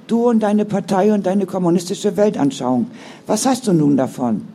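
A man's voice: sits high, normal speed, dark tone, a little hiss or hum, voice pushed up. A man voicing an angry, defiant young woman who is a mother, with indignant, bitter outbursts.

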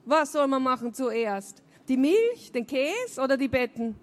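A woman's voice: high-pitched, big pitch swings, measured pace, pitched above the performer's own voice. A woman reading aloud and voicing a giggly, fussing old village woman who speaks in broken, folksy phrases. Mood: chattering.

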